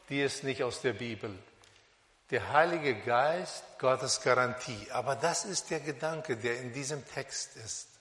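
A man preaching a sermon on a Bible passage, speaking slowly and deliberately with pauses and fillers, in a church hall. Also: mid-range voice, a bit bright. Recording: long reverb of a hall.

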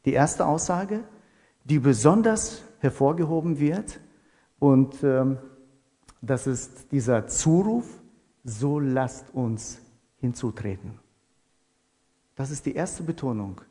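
A man preaching a sermon in a measured way, repeating key phrases for emphasis. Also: on the high side, expressive, warm tone. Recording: long reverb in a hall.

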